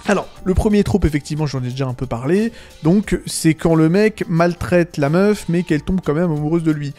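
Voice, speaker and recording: A man's voice: fairly high pitch, a little fast, warm tone, faint music behind. A young man giving casual, sarcastic commentary on anime, laughing often and trailing off into fillers and restarts.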